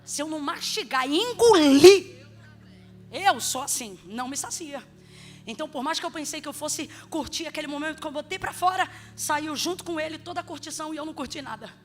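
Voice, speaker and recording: A woman pastor preaching a sermon in church, switching between emphatic shouting and humorous, chatty asides. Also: high-pitched, a little fast, faint music behind. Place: church sanctuary.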